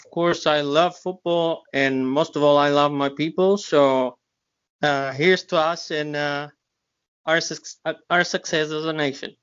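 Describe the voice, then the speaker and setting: A man's voice: on the high side, fairly even intonation, measured pace, a bit bright, clean tone, no room sound, lo-fi sound. A man from Argentina who works as a sociologist, speaking in an upbeat, earnest way.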